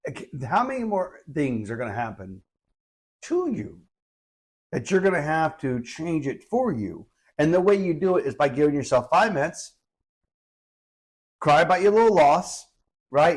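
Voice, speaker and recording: A man co-hosting a casual podcast, telling stories in an animated way and acting out quoted lines. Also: on the high side, moderate pace, slightly rough. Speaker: podcast co-host.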